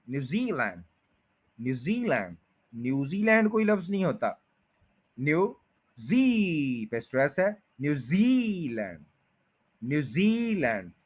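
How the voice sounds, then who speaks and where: Man teaching pronunciation slowly. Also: on the high side. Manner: repeats each word slowly, stretching out stressed syllables; explains patiently and step by step. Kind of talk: spoken lesson.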